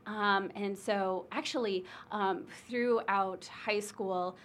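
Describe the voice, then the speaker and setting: A woman's voice: mid-range voice, fairly even intonation, slow pace, a little hiss or hum. A woman from Illinois who works as an international admissions recruiter. She talks in a casual interview, with plenty of ums and you knows. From Illinois, United States. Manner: chatty, many fillers like um and you know.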